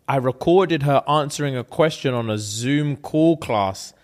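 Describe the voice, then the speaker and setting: A man's voice: medium pitch, measured pace. A young man with a London roadman accent, reading out online comments in slangy, jokey casual banter. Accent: London, urban roadman slang.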